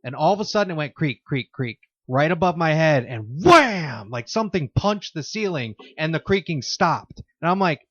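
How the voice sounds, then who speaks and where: A man telling a story on a podcast in a casual, animated, profane way, acting out the sounds. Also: fairly high pitch, a little fast, hardly any pauses, no echo. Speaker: podcast guest. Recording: dry, muffled lo-fi podcast audio.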